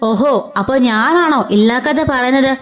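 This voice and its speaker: A woman's voice: high-pitched, normal speed, natural voice. A woman playing a taunting, scornful mother-in-law. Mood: accusing. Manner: taunting, insulting. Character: sharp-tongued scornful older mother-in-law.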